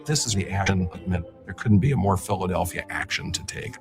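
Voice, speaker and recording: Low-voiced male historian in a documentary clip. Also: brisk, music in the background. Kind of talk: documentary interview.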